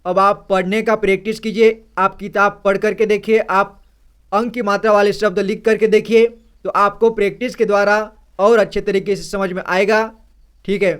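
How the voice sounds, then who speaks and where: A man's voice: high voice, little pitch movement, normal speed, a bit bright, clean tone. A man teaching beginners to read, saying each word twice, asking what it reads and answering himself, and closing many lines with an okay. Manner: ends many lines with "ठीक है". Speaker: Hindi reading teacher. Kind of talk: slow reading lesson for beginners.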